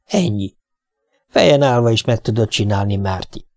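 Man reading as anxious husband, coaxing, gravelly, dry. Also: lowish voice, lively intonation, a little mellow, no echo. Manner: coaxing, reassuring, plain. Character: nervous, coaxing middle-aged husband.

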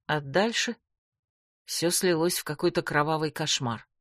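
A woman narrating a first-person fantasy audiobook with dramatic, expressive storytelling. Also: sits low, unhurried, no echo, clean studio sound.

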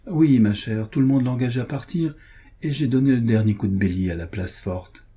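A man reading the part of a scheming baroness who speaks with honeyed, feline flattery in a storybook novel. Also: medium pitch, moderate pace, husky, lightly acted. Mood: falsely sweet. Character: scheming older baroness, falsely sweet.

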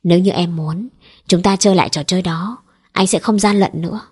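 A woman reading the lines of a cold, domineering, possessive young husband in a storybook, calm and commanding. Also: on the low side, a little fast, husky.

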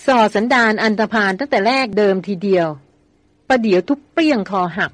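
A woman's voice: on the high side, a little fast, no room sound, lightly acted. A woman reading aloud as a blunt grown man who teases and grumbles. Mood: teasing.

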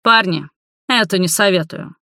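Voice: medium pitch, normal speed, vocal fry, pushed and bright, dry recording, studio quality. A reader voicing a careless young man who talks in an offhand, mocking way in an audiobook. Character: smug, careless young party host.

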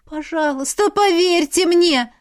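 Woman voicing a frantic pleading young heroine. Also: unhurried. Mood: desperate. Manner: shrill, pleading outbursts.

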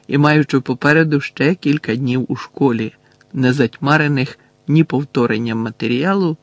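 Measured male audiobook narrator. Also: medium pitch, dry recording.

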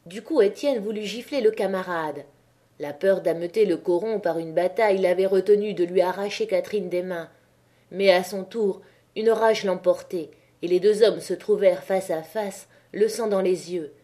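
A woman narrating a classic novel as an audiobook in a measured, even reading. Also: mid-range voice.

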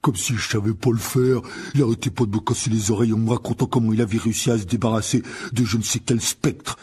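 A man voicing a big, gruff gamekeeper who talks slowly and loudly in a storybook reading. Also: fairly low pitch, fairly even intonation. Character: loud, slow-talking giant gamekeeper man.

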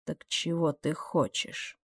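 A woman's voice: fairly even intonation, slightly rough, dry recording, studio quality, full character voice. Woman putting on a hissing demon man. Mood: mocking. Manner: hissing, low and slow. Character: menacing male demon master, sardonic.

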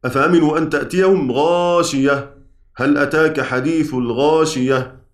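A man with an Egyptian Arabic accent teaching a class, chanting verses slowly and checking his students' understanding with quick questions. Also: on the high side, steady tone. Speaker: Quran recitation teacher. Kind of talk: classroom lesson explaining a poem. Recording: echoey room, voice from far off.

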